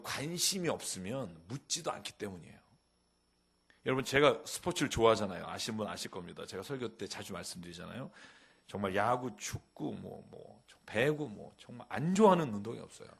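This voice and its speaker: A middle-aged male pastor preaches in a husky voice that swings widely in pitch. He keeps his sermon lively and conversational. He breaks into acted-out questions and little scenes with his daughter. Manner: animated preaching, acting out quoted questions and daughter's lines. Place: church sanctuary.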